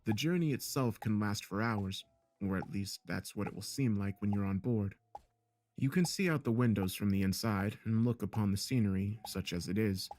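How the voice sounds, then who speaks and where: A man reading a first-person horror story as narrator in a steady, measured way. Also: on the low side, soft background music. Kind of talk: scripted narration.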